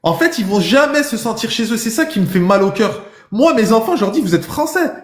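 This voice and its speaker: A middle-aged man from France hosts a heated TikTok live-stream debate, pressing his guest with emphatic, insistent questions. His high voice swings widely in pitch, he speaks briskly, and the sound is roomy.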